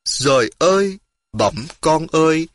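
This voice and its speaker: A man voicing an elderly peasant mother who weeps and frets over her son, his voice lifting higher. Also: lively intonation, takes it slowly, no echo. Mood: tearful.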